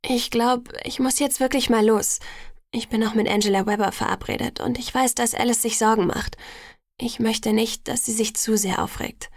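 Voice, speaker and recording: A woman's voice: a little high, steady tone, moderate pace, no room sound, studio quality. A woman voicing an earnest, insistent teenage girl in audiobook dialogue.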